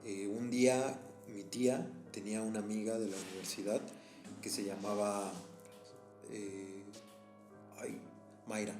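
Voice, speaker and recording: A man's voice: lowish voice, measured pace, long pauses. Mexican man telling a spooky story. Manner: animated, laughs often, frequent "¿no?" tags. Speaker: podcast guest teacher. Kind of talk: casual storytelling. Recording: echoey room, faint music.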